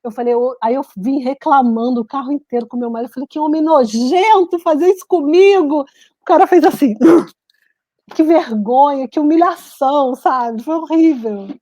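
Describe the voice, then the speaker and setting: A Brazilian-born woman living in Switzerland telling stories in a lively, animated casual chat, laughing often. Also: high-pitched, normal speed, no echo. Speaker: guest, writer and journalist. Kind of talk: casual video-call chat. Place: home in Switzerland.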